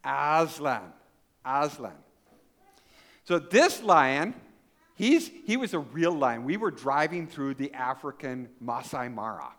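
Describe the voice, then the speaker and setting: A man's voice: mid-range voice, slow pace. A man preaching to a congregation of children and adults, telling a story and asking the crowd questions. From Canada. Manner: animated storytelling, acts out voices and asks the crowd questions. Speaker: pastor.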